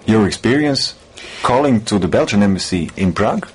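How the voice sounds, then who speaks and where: A man hosting a radio interview in a studio, halting and repeating words as he searches for phrasing. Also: lowish voice, lively intonation, husky. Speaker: radio host.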